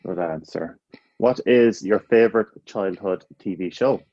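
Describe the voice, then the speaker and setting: A man's voice: low-pitched, measured pace, warm tone, dry recording. Guy cohosting a chatty podcast, jokey, very dry dull-sounding mic. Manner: jokey, laughs often. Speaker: podcast co-host. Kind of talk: casual podcast chat, quick-fire questions.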